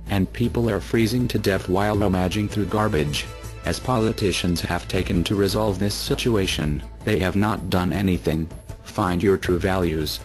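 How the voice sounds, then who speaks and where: Brief: anonymous male spokesman, disguised very deep voice, flat solemn read, soft music bed. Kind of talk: scripted address.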